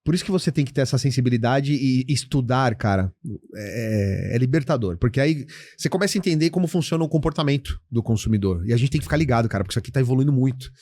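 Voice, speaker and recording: Animated middle-aged man, dry sound. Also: mid-range voice, quick pace, dry recording. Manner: animated storytelling, acts out client dialogues, says "cara" often. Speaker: guest, insurance educator. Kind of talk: casual podcast interview.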